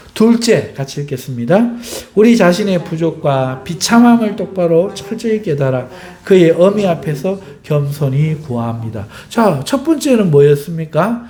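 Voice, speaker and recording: A male pastor preaching a lively sermon, acting out everyday dialogue to illustrate his points. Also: high-pitched.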